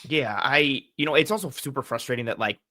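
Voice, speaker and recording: A man's voice: medium pitch, a little fast, no echo, clean studio sound. A man analyzing football as a guest on a casual sports podcast, telling stories animatedly and acting out what others said. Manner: animated storytelling with quoted voices.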